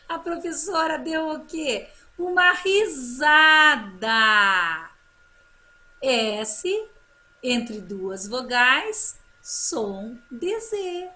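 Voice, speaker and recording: Slow, bright-voiced woman teaching phonics. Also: high-pitched, very animated. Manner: slow drawn-out model words, encouraging teacher talk. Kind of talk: children's phonics lesson.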